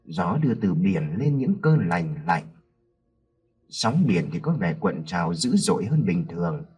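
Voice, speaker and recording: A man narrating a horror story in a dramatic, expressive way. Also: sits low, unhurried, husky, faint music behind.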